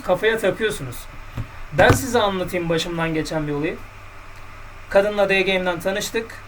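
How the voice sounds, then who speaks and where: A man's voice: sits high, a bit bright, far from the mic, a little hiss or hum, low-quality recording. A man coaching on dating in a casual podcast monologue, blunt and colloquial, lecturing his listeners directly.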